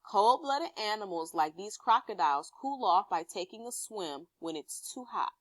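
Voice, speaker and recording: Lively in intonation and medium in pitch, this woman teacher reads an informational text to pupils and explains it, pausing for questions that check whether they understand. The recording is dry.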